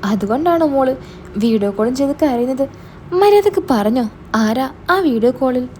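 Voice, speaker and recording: A woman's voice: high voice, lively intonation, moderate pace, dark tone, slight background noise. A woman voicing a stern young older brother who questions his sister suspiciously. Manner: stern, interrogating.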